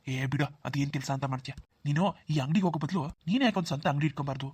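Cartoon: voice actor as warm, generous young villager; quick, coaxing delivery. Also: mid-range voice, breathy edge, no room sound, clean studio sound, natural voice. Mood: reassuring. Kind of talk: Kannada cartoon dialogue.

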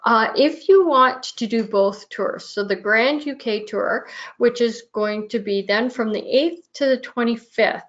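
Woman going over tour stuff and prices, kinda hoarse, slightly high voice, muffled lo-fi audio. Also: a little slow, few pauses. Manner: reads through itineraries and prices in a steady listing way. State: hoarse, losing her voice. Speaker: travel club tour presenter. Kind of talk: presenting tour details. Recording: muffled lo-fi recording.

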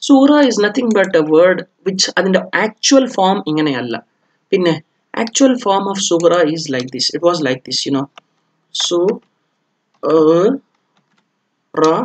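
A man's voice: sits high, lively intonation, takes it slowly. A man teaching Arabic grammar, explaining step by step with many fillers and self-corrections. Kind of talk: lesson mixing two languages.

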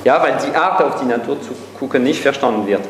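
Older man, echoey hall, animated. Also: mid-range voice, fast talker. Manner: animated, gesturing widely, thinking aloud with many fillers. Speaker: guest speaker. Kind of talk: panel discussion answer. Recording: echoey hall with faint hum.

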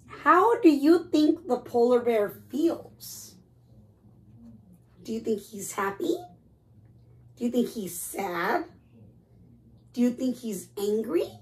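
Expressive high-voiced woman reading a storybook. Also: rough recording. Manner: expressive, asks children questions. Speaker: preschool teacher. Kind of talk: reading a picture book aloud to children.

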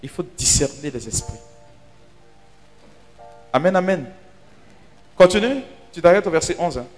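Animated high-voiced priest preaching. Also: male voice, measured pace. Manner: animated storyteller, dramatic drops to hushed asides. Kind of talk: sermon teaching. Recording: hall reverb with faint music.

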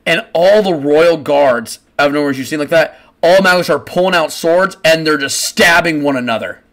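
Rambling game master narrating. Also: male voice, on the high side, a little fast, a bit bright. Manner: rambling, many restarts and fillers. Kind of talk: casual tabletop game narration.

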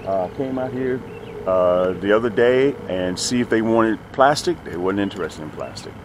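Speaking at a normal pace in a lowish, expressive voice, a middle-aged fishing-channel host chats casually to his viewers from a small boat on a lake. He is folksy and emphatic, fond of saying things twice. A nearby action camera records him along with the outdoor noise.

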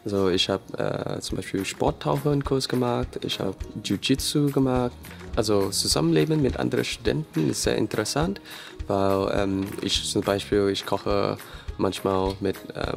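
A young man from Singapore talks in a low, gravelly voice. He is earnest and pauses often. Faint music plays behind him. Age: young adult. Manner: earnest, filler-heavy. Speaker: international student. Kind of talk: unscripted promotional interview. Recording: light music underneath.

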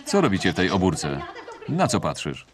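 A man's voice: sits low, wildly swooping pitch, normal speed, a crowd in the background. A man reading a film voice-over, speaking every character's lines in his own voice over the film's soundtrack. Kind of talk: single-voice film voice-over reading all dialogue.

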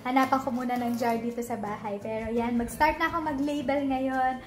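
A woman's voice: high-pitched, fairly even intonation, brisk, over music. A woman in her thirties chatting casually at home while showing how she organizes her kitchen, slipping English words into her talk with plenty of fillers. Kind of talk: casual home vlog narration. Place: home dining area, indoors.

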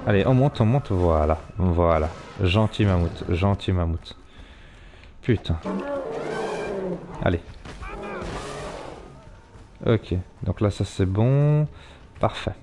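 A man's voice: sits low, animated, slow pace, pauses often, warm tone, faint music behind. A man streaming a live game, chatting loosely, cursing and talking to the animals he rides. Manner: chatty, swearing, talks to his animals. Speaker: let's play streamer. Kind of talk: live gameplay commentary.

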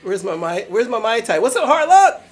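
A man's voice: high-pitched, very animated, brisk. Laughing guy streaming pinball over music. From Brooklyn, New York. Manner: joking, laughs often, shouts out viewers. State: a little tipsy from cider. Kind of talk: casual live-stream commentary. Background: faint game music.

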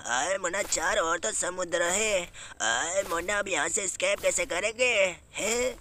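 Man putting on a bossy cartoon buddy, scolding, high-pitched, unhurried. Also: pushed and bright, a little hiss or hum. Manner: bossy, scolding, starts lines with "aaye". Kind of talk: comic Hindi voice acting over gameplay.

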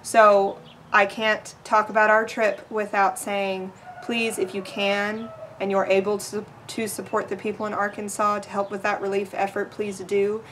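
A woman's voice: medium pitch, level tone, a little slow, a bit bright, slight background noise, rough recording. A woman, talking earnestly to camera in a casual farm vlog, recorded outdoors on a porch. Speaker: small farm owner and vlogger.

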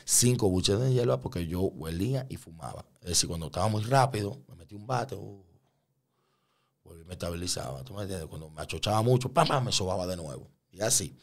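A man as an interview guest, telling a story in animated conversational style with street slang and English words mixed in, checking often that the listener follows. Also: deep voice, brisk, vocal fry.

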